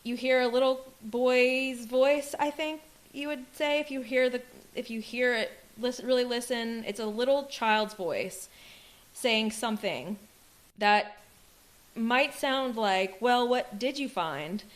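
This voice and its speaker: A woman's voice: on the high side, takes it slowly. Emphatic woman hosting a true crime podcast. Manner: emphatic, argumentative storytelling. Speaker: podcast co-host.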